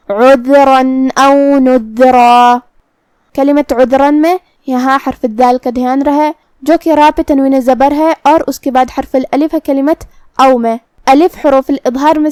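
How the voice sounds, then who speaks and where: A woman teaching Quran recitation rules, explaining pronunciation in a slow, methodical and precise way. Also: high voice, mellow, no echo, studio quality.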